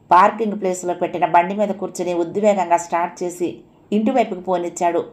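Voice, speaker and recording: A woman storyteller reading an audio novel aloud in a steady, measured way. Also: medium pitch. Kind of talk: scripted audio novel narration.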